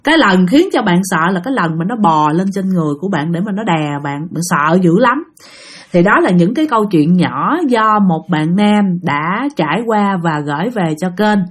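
A woman with a Southern Vietnamese accent and a slight cough, hosting a ghost story channel and telling stories in a casual, chatty way that often speaks straight to her listeners. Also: on the low side. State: has a cough.

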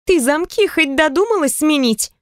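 A woman's voice: high-pitched, moderate pace, no echo, clean studio sound, pitched above the performer's own voice. A woman voicing a chatty, nosy pregnant young friend who teases and pushes. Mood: teasing, excited. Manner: teasing, excitable, pushy. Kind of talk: audiobook character reading.

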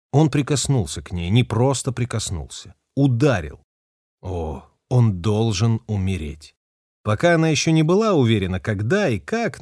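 Expressive male audiobook narrator. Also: mid-range voice, no echo, studio quality. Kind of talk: scripted narration.

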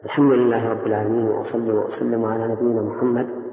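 An older man, a scholar, explaining religious rulings slowly and deliberately, step by step. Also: fairly low pitch, level tone. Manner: slow, deliberate, reasoning step by step. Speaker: scholar answering questions. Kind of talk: measured religious instruction. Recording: tinny echoey old radio recording.

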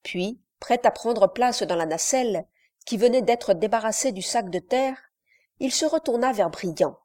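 A woman narrating a classic novel aloud in a measured, literary reading style. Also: a little high, lively intonation, dark tone. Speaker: audiobook narrator. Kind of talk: scripted narration.

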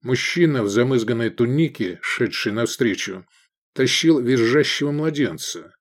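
A man narrating an audiobook in a measured, expressive reading style. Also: mid-range voice. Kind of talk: scripted narration.

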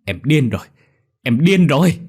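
A man reading a story aloud, voicing an angry betrayed young husband who accuses and shouts, in a husky low voice. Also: expressive, fairly quick. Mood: furious.

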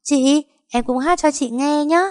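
A woman voicing a cheerful, innocent little boy in a storybook reading, with a high childlike voice. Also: measured pace, a little mellow, dry recording, clean studio sound. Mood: excited.

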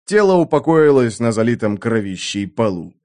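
A man reading an adventure novel aloud in a mid-pitched voice, with lively, dramatic delivery of the action scenes. Expressive audiobook narration. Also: normal speed.

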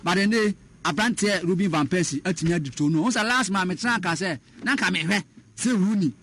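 A man discusses football in a radio sports chat, rattling along fast and restarting phrases as he goes. His voice sits a little high, and his talk slides between Twi and English. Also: a bit bright. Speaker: sports pundit.

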